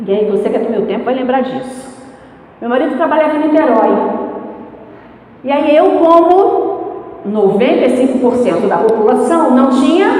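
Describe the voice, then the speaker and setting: A middle-aged Brazilian woman preaches a lively sermon in a high voice, firing questions at the congregation and slipping into voices. She sounds far from the mic, with a long echo from a big hall and faint background noise. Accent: Brazilian Portuguese. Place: church hall.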